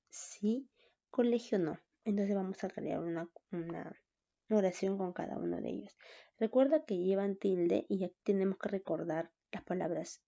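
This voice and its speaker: A woman teaching a recorded online class, slow and patient, often checking in with "¿no?". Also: mid-range voice, creaky, warm tone. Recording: dull lo-fi sound.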